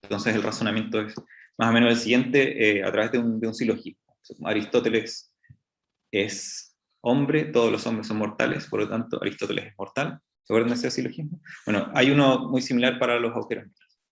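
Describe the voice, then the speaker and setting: A man's voice: medium pitch, steady tone, fairly quick, creaky. A man giving a public astrophysics talk, explaining step by step with frequent restarts. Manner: explanatory, many restarts and "entonces, bueno". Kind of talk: public lecture. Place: lecture room. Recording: echoey room.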